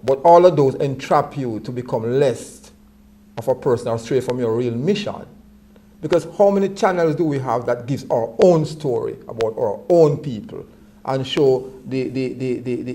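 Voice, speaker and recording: Man, Rastafarian speech, mellow tone, earnest reasoning, repeated words. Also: mid-range voice, moderate pace. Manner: Rastafarian way of speaking; repeats words while reaching for a point.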